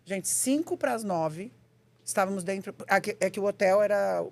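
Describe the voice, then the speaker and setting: A woman's voice: medium pitch, normal speed, creaky. A woman chatting casually on a podcast, telling stories and acting out the dialogue she quotes. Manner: animated storyteller, acts out quoted dialogue.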